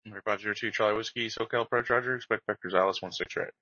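A man's voice: lowish voice, fairly even intonation, rapid-fire, sharp tone, no echo. A man giving clipped, procedural air traffic control instructions over radio in a flight simulation. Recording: dry, dull band-limited radio audio.

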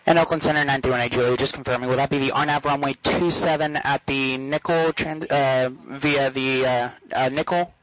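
A man speaking as a private pilot, giving somewhat halting readbacks over radio. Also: mid-range voice, fairly even intonation, a bit bright. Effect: radio transmission. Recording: dull band-limited radio audio.

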